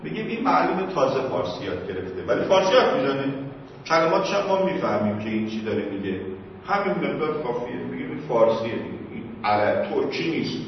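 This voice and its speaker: A man's voice: medium pitch, slight background noise. A man giving an informal religious lesson, answering questions and explaining with examples in a conversational manner. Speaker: religious teacher. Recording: echoey hall, distant mic, dull sound.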